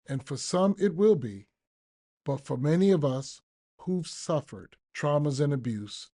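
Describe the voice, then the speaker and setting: Reading a brief devotional passage for a podcast, this man, a recovering addict, takes a slow, deliberate pace. His mid-range voice stays mellow and easygoing, with measured pauses that suggest a scripted daily reading.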